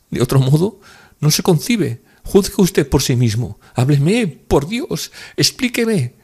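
A man's voice: darkish tone, husky. A man doing a sobbing, abandoned young woman. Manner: high tearful pleading voice, sobbing outbursts. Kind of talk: audiobook reading.

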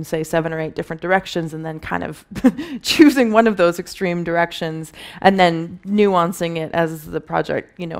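Lowish-voiced woman presenting on stage. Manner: thoughtful, many fillers and restarts, talks with her hands. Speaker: film colourist. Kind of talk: conference presentation. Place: dim stage with dark backdrop.

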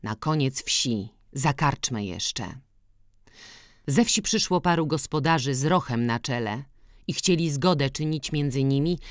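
A woman reads a classic novel aloud in a slow, unhurried, measured narration. Her voice sits in a middle register and the recording is dry and close, with no room sound. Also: very deep voice, no echo. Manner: slow, measured, even reading. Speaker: audiobook narrator.

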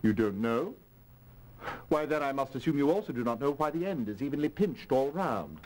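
An actor playing a crisp, condescending English detective questioning suspects. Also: male voice, medium pitch, lively intonation, normal speed, darkish tone, close to an everyday voice, rough recording. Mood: probing. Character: cool, superior English detective. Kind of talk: video game voice acting.

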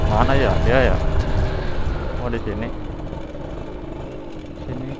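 A man's voice: mid-range voice, slow. A young man giving laid-back, casual commentary as a motovlogger while riding a motorcycle at night, swearing and laughing often. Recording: loud engine and wind noise. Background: motorcycle engine and traffic.

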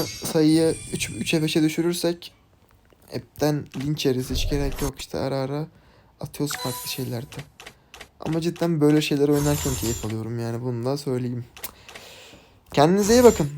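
A young man, casually commenting his own ranked game, excitable and chatty with teammates and viewers. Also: on the high side, a little fast, a little hiss or hum. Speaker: gaming YouTuber. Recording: game music behind the voice.

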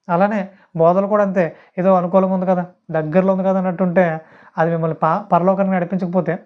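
Fast-talking man preaching, lo-fi. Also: high voice. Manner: repetitive, emphatic, rhetorical questions. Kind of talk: sermon. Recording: dull lo-fi recording.

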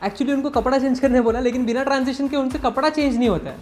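A man's voice: very high-pitched, fast, darkish tone, soft background music. A man in a comic sketch playing a stern, mocking rehab centre staffer who scolds the patients.

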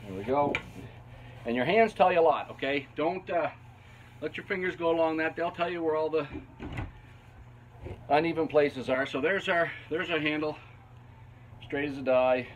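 Working in his basement shop, a fifty-something Canadian woodworking host teaches casually, folksy and relaxed, chuckling as he goes. His voice is on the high side at a moderate pace with frequent pauses, and the audio from a bench camera a few feet off is dull with a little hiss or hum.

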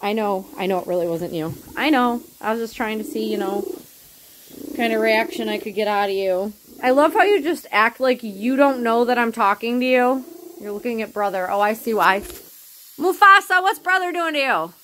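A woman's voice: on the high side, normal speed, a little hiss or hum, rough recording. A woman at home with her cats, talking to them in affectionate cooing baby talk. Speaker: cat owner. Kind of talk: home pet video. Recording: loud cat purring close to the mic.

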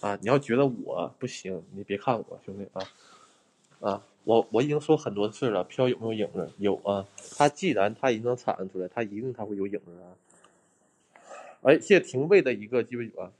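A livestreaming ghost hunter roams an abandoned building, talking bluntly with his viewers, cursing, and thanking them for gifts. His voice is lowish and a little mellow, with lively intonation and a slightly fast pace.

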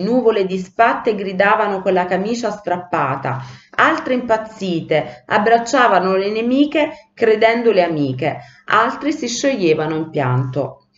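A woman teacher reading a children's storybook aloud in an animated way, in a roomy, lo-fi recording. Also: mid-range voice. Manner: animated, acts out the voices. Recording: roomy, dull lo-fi sound.

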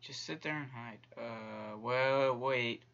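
Young man, gaming commentary, slow talker, dull home-mic sound. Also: medium pitch, a bit bright. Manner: jumpy, talks to the game's characters, whispers when tense. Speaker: gaming YouTuber. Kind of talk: let's-play commentary.

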